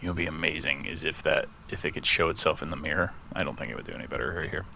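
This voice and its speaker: A man giving casual let's-play commentary at home, chatty and quick to laugh, chatting about his cat as he plays. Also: extremely low pitch, gravelly, bright, forceful tone, a little hiss or hum. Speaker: gaming streamer. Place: at home near a couch.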